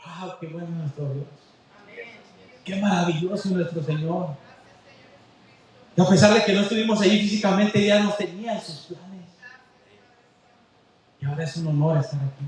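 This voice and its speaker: A man preaching an expository sermon with passion, his voice swinging from soft to loud. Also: sits high, normal speed, pauses often. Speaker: pastor. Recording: echoey church hall with faint noise.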